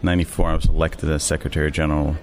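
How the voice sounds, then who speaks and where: A middle-aged man from Norway with a Norwegian accent, answering interview questions in a measured way with many fillers and restarts. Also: rumbling low, level tone. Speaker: interview guest, sports official.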